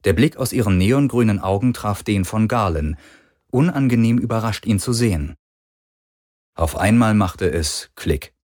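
A man narrating an audiobook with expressive storytelling. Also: lowish voice, normal speed, no echo, studio quality. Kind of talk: scripted narration.

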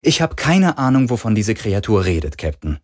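A man voicing a sly young female thief with a soft, melodic voice and feigned innocence. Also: a little high, very animated, fairly quick, pitched above the performer's own voice. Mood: sly, haughty.

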